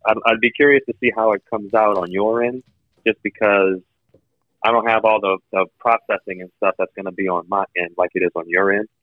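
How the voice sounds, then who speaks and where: A man calling in by phone as a podcast guest, giving blunt, candid feedback in casual chat, his voice thin with no bass. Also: fairly even intonation, a little fast, no room sound. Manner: blunt, candid critique, loose with swearing. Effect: thin phone line with no bass. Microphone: phone speakerphone. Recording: dull, thin phone-call audio.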